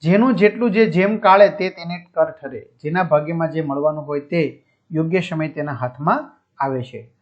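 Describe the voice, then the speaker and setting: Brief: male teacher, high voice, explains exercises step by step, dull lo-fi audio. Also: normal speed. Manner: explanatory, checks with listeners. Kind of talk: walking through textbook exercises. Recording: dull lo-fi sound.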